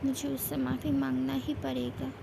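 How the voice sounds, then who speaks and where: A woman's voice: high voice, monotone, moderate pace, gravelly, noisy background. A woman voicing a remorseful young wife in an amateur fan story, pleading and blaming herself. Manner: pleading, self-reproaching. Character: remorseful young wife, anxious and guilt-ridden.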